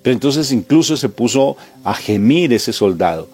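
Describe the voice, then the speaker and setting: Male preacher, mid-pitched and mellow, driving a sermon with repeated questions over soft music. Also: animated, normal speed, slightly rough. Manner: emphatic, repetitive rhetorical questions.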